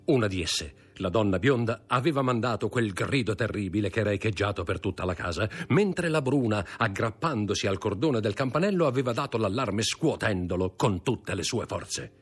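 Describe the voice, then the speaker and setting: A low-voiced man narrates an old novel with animated, expressive phrasing. Soft music plays faintly beneath his reading. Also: normal speed, few pauses, husky. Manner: lively, expressive reading that raises pitch for quoted speech. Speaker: audiobook narrator. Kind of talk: scripted narration of a classic novel.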